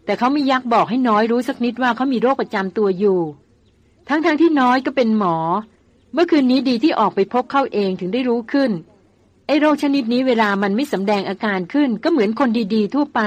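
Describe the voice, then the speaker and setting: A woman's voice: fairly high pitch, highs cut off, lightly acted. A woman reading as a bossy young woman doctor. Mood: worried. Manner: scolding, quick-tongued.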